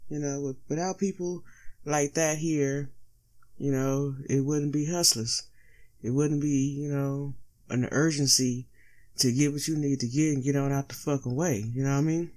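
A man's voice: fairly high pitch, steady tone, normal speed, a little mellow. Stoned, slangy male podcast host. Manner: slangy, heavy swearing. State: stoned, sluggish from being high. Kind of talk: casual solo podcast monologue.

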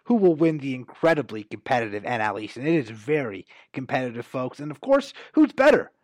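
A man hosting a sports talk show in an upbeat, energetic presenting manner. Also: medium pitch, a little fast, no room sound. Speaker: host.

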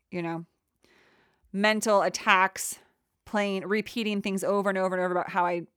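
A young adult woman hosting a reflective solo podcast, talking in a gentle, encouraging way that rambles with many fillers. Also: mid-range voice, dry recording, clean studio sound. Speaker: podcast host.

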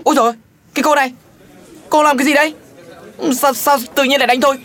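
A woman voicing a mild-mannered old male journalist who protests quickly and gets flustered in a comedic audio drama. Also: high-pitched, steady tone, a bit bright, soft background music, some chatter behind.

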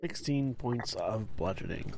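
A man's voice: mid-range voice, lively intonation, measured pace, a little mellow, a little hiss or hum. A man acting as game master, narrating a tabletop game and stumbling over restarts when asked questions.

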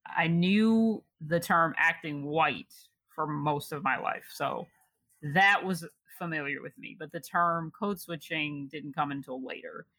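A woman's voice: low-pitched, a little slow, fairly bright tone, no room sound. A young woman from Chicago telling a personal story in casual conversation, laughing often and reflecting with many fillers.

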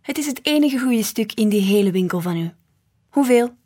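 A woman voicing an impatient, demanding woman customer who insists loudly. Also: fairly high pitch, normal speed. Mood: pushy. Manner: insistent, excitable.

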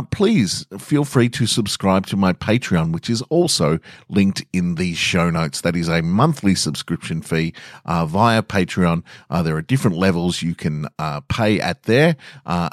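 This Australian podcaster has a low-sitting voice and reads short scripted stories, breaking in now and then with casual comments to his audience. The studio-quality recording carries no room sound.

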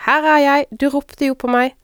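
A woman reading the lines of the boy Samuel, an eager young servant, in quick, eager replies. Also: sits high, level tone, no room sound, studio quality, pitched above the performer's own voice, lightly acted.

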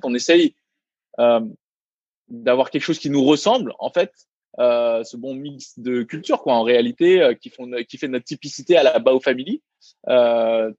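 On a casual podcast interview, a restaurant co-founder of Vietnamese heritage who was raised in France speaks haltingly, with many fillers and restarts. His middle-pitched voice is a little mellow, and the recording is dry, slightly dull, with no room sound.

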